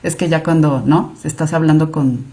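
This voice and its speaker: A deep, dark-toned woman's voice speaks at normal speed and a steady tone. She is a Mexican clinical monitoring director chatting casually and animatedly as a podcast guest, in Mexican-accented Spanish with many fillers.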